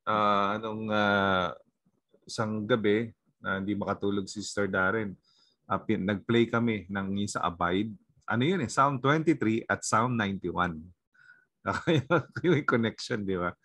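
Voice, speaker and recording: A man's voice: on the low side, a little slow, a bit bright, dry recording. A man with a Filipino accent, a pastor leading an online prayer meeting, talking conversationally with many fillers and tag questions. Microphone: video call.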